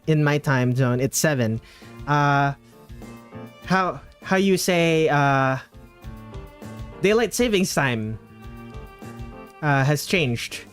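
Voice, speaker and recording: Man chatting into a livestream headset. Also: on the high side. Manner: chatty, trails off and restarts mid-sentence. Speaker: streamer. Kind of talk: casual livestream chat while drawing. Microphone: livestream headset mic.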